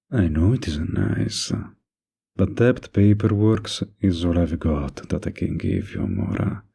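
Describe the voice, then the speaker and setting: In an intimate roleplay recording, a man plays a mafia boss who is menacing yet kindly, unhurried, lightly teasing and flirtatious. His deep, mellow voice is gravelly and husky, a full character voice, and his mood comes across as dry and businesslike.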